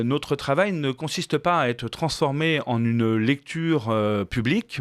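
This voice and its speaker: A man answers interview questions in a measured, searching way, pausing often and restarting his sentences. His voice sits in an ordinary middle pitch. The studio sound is dry and close. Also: dry recording. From Flemish background. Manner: thoughtful, many hesitations and restarts. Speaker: guest, painter and storyboard artist.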